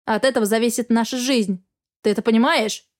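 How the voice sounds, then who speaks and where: A woman's voice: on the high side, fairly even intonation, fairly quick, natural voice. Woman doing a growly hot-headed dragon husband, audiobook style, snaps every line. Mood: angry. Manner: barking, gruff. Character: protective dragon husband, gruff and quick-tempered. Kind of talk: audiobook character reading.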